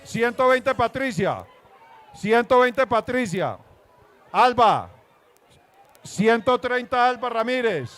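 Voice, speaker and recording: A man's voice: very high-pitched, expressive, slow, pauses often, a bit bright. A man with a Colombian accent from Antioquia co-hosting a live auction, announcing informally.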